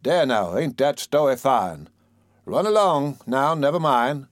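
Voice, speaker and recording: A man voicing an old storyteller, fond and scolding, dry close sound, middle pitch. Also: animated, unhurried, no room sound, lightly acted. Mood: folksy. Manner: fond, scolding, folksy drawl. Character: old storyteller coaxing a fussy child. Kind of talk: dialect poem recitation.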